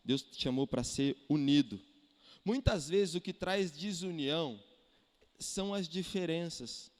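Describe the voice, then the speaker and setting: A Brazilian man preaching a sermon as pastor, animated, firing rhetorical questions and acting out quotes. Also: on the high side, a little slow. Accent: Brazilian Portuguese. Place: church hall. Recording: echoey church hall.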